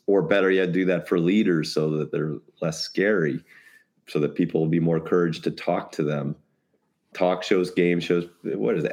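In a deep, slightly mellow voice, the man, a creative compliance consultant, chats as a podcast guest. He throws out ideas loosely and rambles, cracking jokes along the way.

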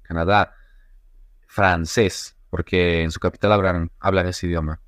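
A man's voice: deep voice, a little slow, dry recording, studio quality. A young man from Bolivia, a travel YouTuber, chatting as a podcast guest and acting out quotes as he laughs through his stories. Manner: animated storyteller, acts out quotes, laughs often. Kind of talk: casual podcast interview.

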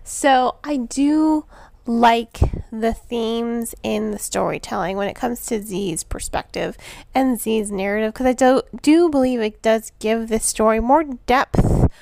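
A woman's voice: a little high, unhurried, gravelly, a little mellow. A woman in her thirties, hosting her own show and reviewing a book in a chatty, enthusiastic way, with lots of fillers and restarts. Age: 30s. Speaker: book reviewer, podcast host.

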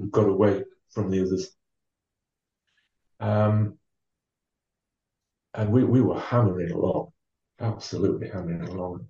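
A former marathon runner from North East England, appearing as an interview guest, tells a long, relaxed story in a low, mellow voice. He speaks in a measured way, with many ums and restarts. The mic is distant, so the sound comes out dull and roomy.

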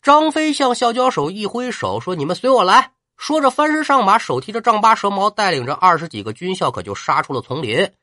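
A man telling a traditional pingshu story, lively and chatty, with asides to the listener. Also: high-pitched, a little fast, few pauses, no echo, clean studio sound.

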